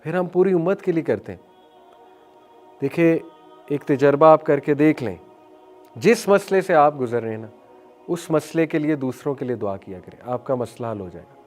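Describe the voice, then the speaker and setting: A man with a somewhat high voice delivers an earnest motivational religious talk. He drops English phrases into his speech and slows right down when reciting phrases. Soft music plays faintly underneath. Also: expressive. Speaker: Islamic speaker.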